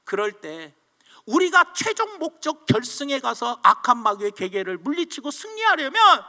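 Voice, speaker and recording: A male pastor delivers a sermon in a very high, sharp voice, telling the story with animated flair. His words trail into a long church-hall reverb.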